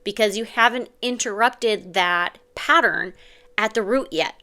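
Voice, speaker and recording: A woman coaching parents in an earnest, confiding way, speaking at a middle pitch for a woman. She sounds like a mother talking straight to other parents, and she keeps checking in with the listener as she goes. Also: a little slow, pushed and bright. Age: adult mother. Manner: earnest, confiding, uses "like" and "okay?". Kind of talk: direct-to-camera advice talk.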